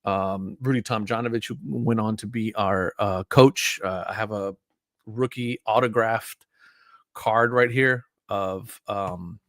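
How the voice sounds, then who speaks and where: A man's voice: on the low side, fairly even intonation, slow, a bit bright, dry recording. Casual stream host: man, early forties, loose rambling delivery, dry close sound. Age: 40s. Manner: rambling, frequent fillers and restarts. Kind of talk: casual live stream chat.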